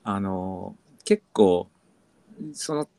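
A man with a slight Kansai influence in his speech, a writer chatting casually and thinking out loud. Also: deep voice, lively intonation, extremely slow, creaky, clean tone, no echo. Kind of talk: casual chat.

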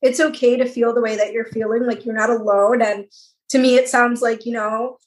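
A young woman with a slightly high voice, talking gently and reassuringly on a casual podcast. Her speech is loose and full of filler words. The recording has an echoey room sound. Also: little pitch movement, a little fast. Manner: reassuring, lots of "like". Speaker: podcast co-host. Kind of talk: casual supportive chat.

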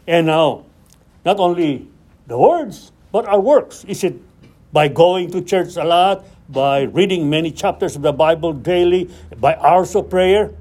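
A man's voice: a little high, lively intonation, measured pace, a little mellow. A man leading a Bible study, preaching and acting out scripture dialogue with rising questions.

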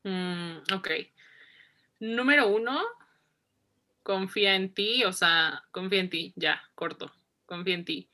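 A woman's voice: mid-range voice, slow, long pauses, pushed and bright. A woman, reflecting in a casual interview, who repeats herself and laughs often. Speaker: interview guest.

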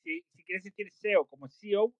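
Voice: mid-range voice, fast, no echo, dull audio. A co-host of a casual online chat, chipping in with dry, wry comments. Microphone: online audio room.

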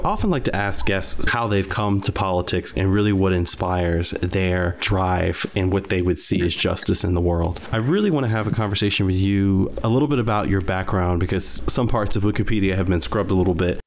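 A man's voice: low-pitched, slight background noise. A man hosting an interview, asking long, thoughtful, winding questions. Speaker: podcast host.

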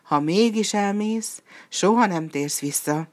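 A woman voicing a calm, knowing young boy in a storybook who earnestly warns the animals. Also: mid-range voice, pitched above the performer's own voice, lightly acted. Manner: earnest, warning.

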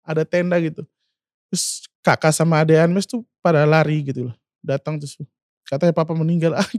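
Young male guest, slightly high voice, emotional and halting, dry close sound. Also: fairly even intonation, a little mellow, no echo. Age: 20s. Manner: emotional, refers to himself by name, many fillers. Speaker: singer guest. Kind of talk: personal storytelling.

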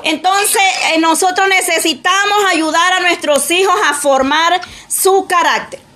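High, bright-voiced woman preaching. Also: a little slow. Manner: earnest, repeats "amén" often. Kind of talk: sermon.

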